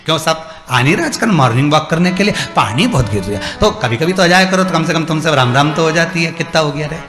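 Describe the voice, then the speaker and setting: A man with a sharp, forceful voice and a fairly high pitch delivers a devotional sermon, climbing to emphatic peaks as he lists examples. He acts out the story's dialogue himself. The sound comes from a large, reverberant hall with faint music behind him. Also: lively intonation, fast talker. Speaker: religious storyteller.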